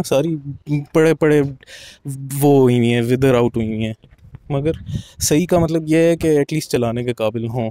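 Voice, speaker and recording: A man's voice: medium pitch, dark tone, no room sound. Casual young man touring a car lot. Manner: chatty, explaining as he walks, mixing in English phrases. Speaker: vlogger. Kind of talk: casual walk-through commentary.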